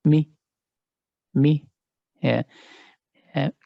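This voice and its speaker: A man teaching Quran recitation in an online class, chanting verses slowly and then explaining them quickly, heard over dull call audio. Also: fairly high pitch, steady tone, creaky, no echo. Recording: dull, lo-fi dry sound.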